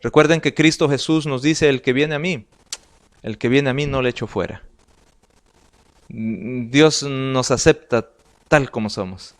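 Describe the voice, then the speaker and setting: A man's voice: medium pitch, unhurried, pauses often. A man with a Salvadoran Spanish accent giving an earnest family life sermon, reading slides aloud and repeating words as he goes. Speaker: pastor.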